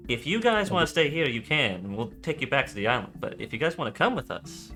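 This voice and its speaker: A man playing a tabletop game, rambling and breaking off into excitable bursts. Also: mid-range voice, fast talker, faint music behind. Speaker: player. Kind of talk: casual chat while playing a tabletop game.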